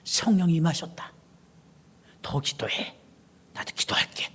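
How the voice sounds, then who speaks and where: A fervent older church deaconess, put on by a woman pastor in her sermon. She urges and encourages in a lower, hushed tone. Her delivery is quiet and insistent. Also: expressive, takes it slowly, husky, heavily acted. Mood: urging.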